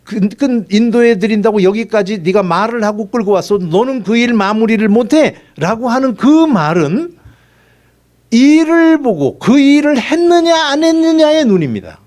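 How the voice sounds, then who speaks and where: A man's voice: very high voice, big pitch swings, normal speed, a little mellow. A male pastor preaching a sermon in a conversational way and acting out dialogues.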